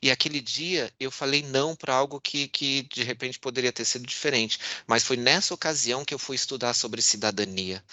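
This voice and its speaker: A man, moderating a panel and telling his own story in an expressive, earnest way, often restarting his sentences. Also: medium pitch, brisk, hardly any pauses, no echo. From Brazil, São Paulo. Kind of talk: personal storytelling in a panel talk.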